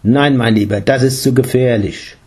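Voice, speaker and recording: A man voicing an older Indian meditation master who patiently and fatherly explains, in a slightly husky voice. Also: medium pitch, moderate pace, darkish tone, lightly acted. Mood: admonishing. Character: elderly Indian meditation guru, calm, caring.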